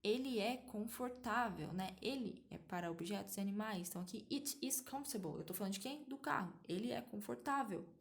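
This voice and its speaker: A woman's voice: mid-range voice, brisk, vocal fry, few pauses. A woman with a Brazilian Portuguese accent teaching an English lesson, explaining patiently step by step and often checking that her students follow. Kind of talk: online language lesson.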